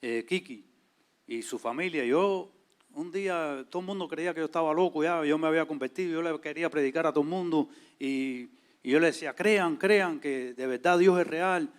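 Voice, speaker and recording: A man, telling his testimony in a lively way and acting out the voices of people in his story. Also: on the high side, fairly quick. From Cuba. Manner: animated, acts out quoted voices. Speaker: church servant leader, guest.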